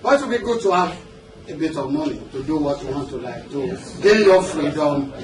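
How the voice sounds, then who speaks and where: A business coach with a Nigerian accent gives a motivational seminar talk, his fairly high voice expressive and a little fast. He keeps it conversational, engaging the audience with questions and check-ins. The audio is roomy and noisy, caught by a distant mic in an indoor seminar room with an audience.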